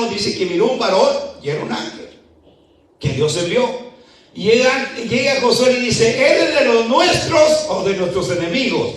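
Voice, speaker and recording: A man preaching a sermon in a church, whose slow, emphatic scripture reading climbs at times into shouting. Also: high voice. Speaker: pastor. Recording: echoey church hall, mic at a distance.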